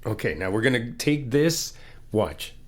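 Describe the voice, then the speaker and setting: This is a man's ASMR roleplay as a friend, delivered in a mid-range voice at a slightly slow pace. His tone toward the listener is playful and supportive, with plenty of laughter and calm, step-by-step explanations.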